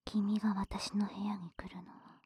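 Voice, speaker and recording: A woman playing a lazy, indulgent older sister in a whispered role-play, speaking drowsy, intimate pillow talk in a breathy, languid, casual way. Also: mid-range voice, level tone, unhurried, dark tone, slight background noise, natural voice. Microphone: close microphone, dry sound.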